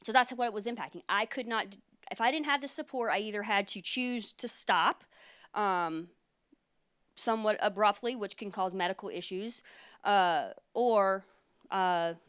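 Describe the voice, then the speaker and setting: Woman presenting at a conference, slightly hoarse. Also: medium pitch, normal speed, fairly bright tone. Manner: earnest, explanatory, many fillers. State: losing her voice. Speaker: military lawyer presenting at a conference.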